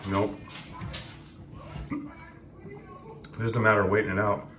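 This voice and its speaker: A man's voice: lowish voice, huge pitch swings, slow, very noisy. A man co-hosting a casual pepper-eating vlog, drawling and suffering from a very hot pepper. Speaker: co-host of a pepper eating channel. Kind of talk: casual chat.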